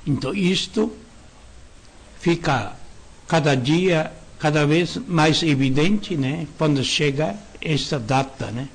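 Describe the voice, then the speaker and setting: A reverend giving an earnest sermon-style lecture, speaking in short broken phrases, repeating key words and tagging sentences with questions. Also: male voice, a little high, takes it slowly, husky.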